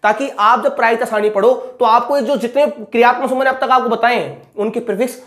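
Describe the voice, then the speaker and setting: A man's voice: extremely high pitch, fairly even intonation, quick pace, a bit bright. Chemistry teacher quizzing his own class. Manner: asks a question, repeats it, then answers it himself. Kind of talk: recap lecture with call-and-response questions.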